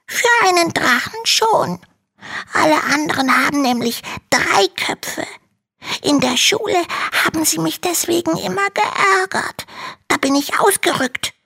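A woman voicing a tiny, timid young male dragon in a storybook reading, squeaky and whimpering as he pleads. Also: expressive, measured pace, creaky, pushed and bright, exaggerated voice. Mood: tearful.

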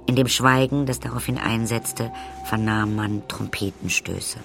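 A man narrating a children's audiobook in a lively way, speaking directly to the listeners. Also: fairly low pitch, a little slow, vocal fry, music in the background. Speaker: storyteller.

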